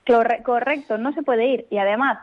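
A woman legal expert speaking as a radio guest, explaining rules in a clear, firm, methodical way. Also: a little high, normal speed. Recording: tinny phone line.

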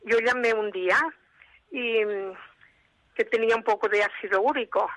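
A woman's voice: a little high, steady tone, moderate pace, dry recording, low-quality recording. A woman calling a radio show to ask a direct question. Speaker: caller. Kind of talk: phone call to radio show.

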